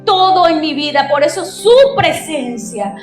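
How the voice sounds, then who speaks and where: A woman's voice: high voice, expressive, measured pace. A woman pastor giving a fervent, emotional testimony as a sermon. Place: church sanctuary. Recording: echoey church hall with music underneath. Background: music.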